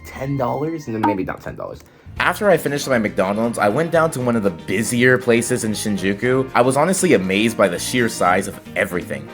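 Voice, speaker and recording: Rambling, excitable man vlogging. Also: mid-range voice. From California, USA. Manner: rambling, excitable, laughs often. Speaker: travel vlogger. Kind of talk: casual vlog narration.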